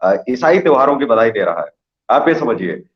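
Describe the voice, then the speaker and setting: Brief: male news interviewer, mid-pitched, pushes rhetorical questions, roomy dull broadcast sound. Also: big pitch swings, moderate pace. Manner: argumentative, long rhetorical questions. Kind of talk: opinionated live TV interview.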